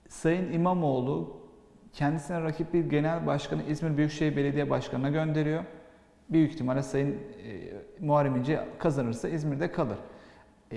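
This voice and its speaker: Gravelly man in cathedral echo. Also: on the high side, dark tone. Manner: poses questions and draws conclusions. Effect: heavy cathedral-like echo on his voice. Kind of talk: political talk show discussion. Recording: echoey long hall reverb.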